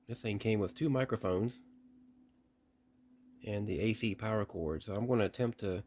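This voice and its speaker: A man tries out an old radio he picked up, narrating a casual unboxing in a plain, think-aloud way with the odd mid-sentence restart. His voice is lowish and darkish in tone, recorded indoors over a faint hiss.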